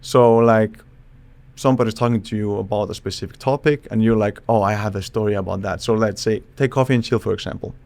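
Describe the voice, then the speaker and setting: Low-voiced man, halting and thoughtful. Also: steady tone, darkish tone. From Iceland. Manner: thoughtful, halting, restarts mid-phrase. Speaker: psychologist and charisma expert guest. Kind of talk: casual podcast interview.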